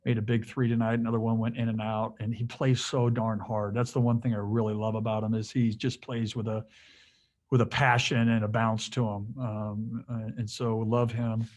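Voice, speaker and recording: A man's voice: lowish voice, little pitch movement, normal speed, darkish tone. A male head basketball coach answering questions at a postgame press conference, rambling with lots of fillers and restarts, joking now and then.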